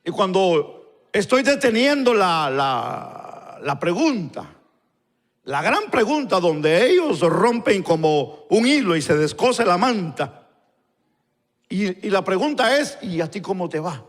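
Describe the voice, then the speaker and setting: A male pastor, telling a story in a live sermon and acting out the dialogue in quieter voices. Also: high-pitched, sing-song, takes it slowly. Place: church hall. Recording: long church-hall reverb.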